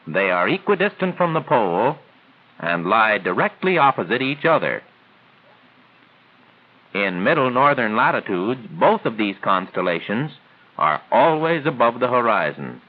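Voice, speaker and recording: A man with a medium-pitched, sing-song voice reads scripted instructional narration in the formal, didactic style of a 1940s training film, with measured phrasing. The audio is narrow, tinny, thin, and band-limited, like a 1940s film soundtrack.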